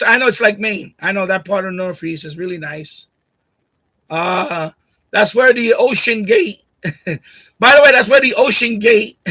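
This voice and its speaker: Very high, pushed, bright and husky, the voice comes from a man from Puerto Rico hosting a casual live stream. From his home setup with a boom-arm USB condenser mic, he argues bluntly with commenters, says things over again and laughs a lot.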